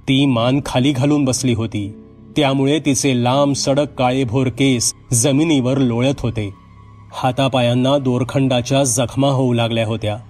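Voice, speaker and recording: Male storyteller narrating a horror tale. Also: mid-range voice. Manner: dramatic, steady storytelling. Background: faint music.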